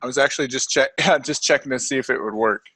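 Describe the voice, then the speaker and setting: A man taking part in a video call training, speaking in a relaxed, easygoing way. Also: medium pitch, quick pace, breathy edge. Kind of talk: casual remarks on a video call.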